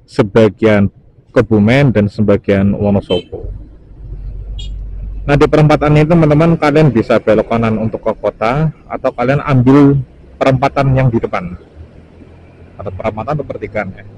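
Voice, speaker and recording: A young motovlogger speaks at normal speed in a darkish, mid-range voice, leaving long pauses as he chats to viewers about his ride along a highway. The recording from his helmet-mounted mic is rough, and engine and traffic noise are plainly audible.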